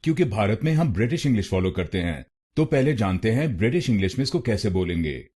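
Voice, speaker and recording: A man leads a pronunciation lesson in a slow, careful, repetitive way. His voice is low, mellow and slightly husky, and his pitch moves lively up and down. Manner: slow, deliberate, repeats words. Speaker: pronunciation teacher.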